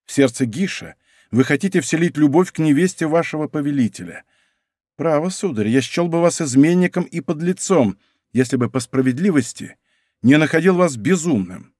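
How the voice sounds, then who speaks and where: A young viscount who stays cold and measured, pressing each word with quiet firmness, as a male reader plays him. Dry, close studio sound. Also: on the high side, no echo. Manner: calm, cold, measured speech. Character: cool, honorable young viscount, controlled and stern. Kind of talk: audiobook character voice.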